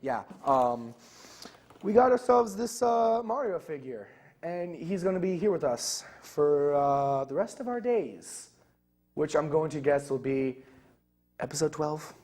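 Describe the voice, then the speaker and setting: A man's voice: fairly high pitch, lively intonation, unhurried, a little mellow. Chatty young man hosting a game show. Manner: loose, rambling, many fillers. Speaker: co-host of a gaming show. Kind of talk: casual chat.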